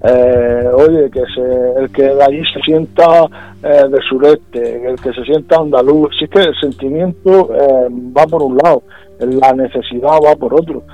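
A man from Puerto Lumbreras in Spain's Murcia region speaks with a Murcian Spanish accent, in a medium pitch and at an unhurried pace. Playing a regional politician on a radio interview, he pushes his points insistently, often restarting and repeating them. The audio is dull, lo-fi radio with music underneath.

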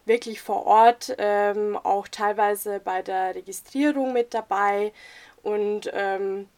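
A woman's voice: mid-range voice, fairly even intonation, slow, darkish tone. A young adult woman chatting casually as a student participant in a podcast conversation.

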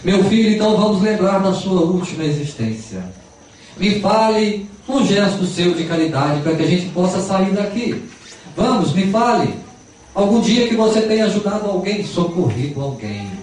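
Gentle coaxing angel guy, as a brazilian preacher puts him on, higher voice, big echoey hall from far away. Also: sing-song, moderate pace, slight background noise. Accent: Brazilian Portuguese. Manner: fatherly, coaxing, increasingly anxious. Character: gentle pleading male guardian angel.

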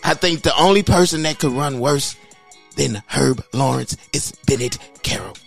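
A man putting on a disguised, deeper voice while mockingly trash-talking on a casual sports panel. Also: normal speed, vocal fry, faint music behind, close to an everyday voice. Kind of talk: casual podcast panel chat.

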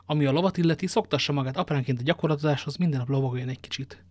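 Man doing D'Artagnan, brisk and teasing. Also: fairly high pitch, dry recording, close to an everyday voice. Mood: bantering. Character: young dashing male musketeer, bold and teasing.

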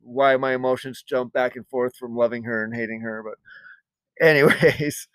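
A man's voice: medium pitch, fairly even intonation, normal speed, a bit bright, clear, resonant tone, dry recording, poor audio. A man co-hosting a casual book podcast, rambling with lots of fillers and swearing casually. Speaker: podcast co-host.

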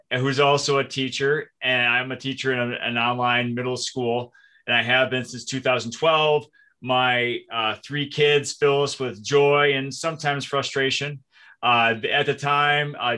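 A man's voice: medium pitch, bright, forceful tone. A man in his forties from Minnesota, a podcast guest telling his story in casual conversation, chatty and self-deprecating.

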